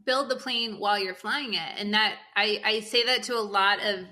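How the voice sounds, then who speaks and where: Brief: a woman podcast host, bright and forceful tone, reflective questions. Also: medium pitch, normal speed. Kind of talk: conversational interview.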